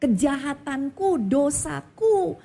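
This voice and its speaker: A woman pastor voicing a remorseful husband who speaks softly and tremblingly. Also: high-pitched, expressive, slow, vocal fry, pitched above the performer's own voice, exaggerated voice. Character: remorseful weeping adult man.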